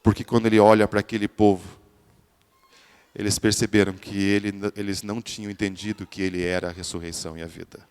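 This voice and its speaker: A man's voice: fairly low pitch, flat delivery, fast, a little mellow, clear, resonant tone. A man preaching a sermon in a church, often restarting his words and then building to emphatic peaks. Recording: church sermon with long hall reverb.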